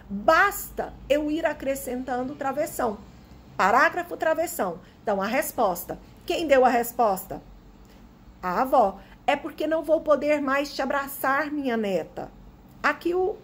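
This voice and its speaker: A woman's voice: high-pitched, breathy edge. A woman teacher explaining a lesson, reading passages aloud and asking the class rhetorical questions. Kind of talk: online Portuguese lesson.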